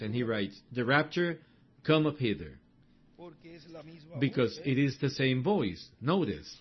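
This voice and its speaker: A man delivers a sermon, reading and explaining passages from a book of quotations. He speaks deliberately, circling back to the same phrases for emphasis and tossing in short asides. The recording sounds somewhat dull and lo-fi. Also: medium pitch. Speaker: preacher.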